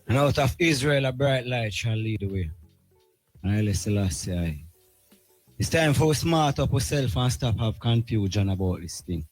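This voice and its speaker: A man's voice: on the low side, a little mellow, no room sound. A Jamaican man making a declamatory Rastafarian proclamation.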